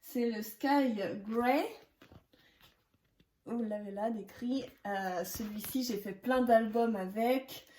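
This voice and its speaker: Woman in her 30s, unhurried, hesitant scrapbooking vlogger; echoey room. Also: fairly high pitch. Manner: chatty, with many hesitations and soft laughs. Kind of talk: casual haul chat to camera.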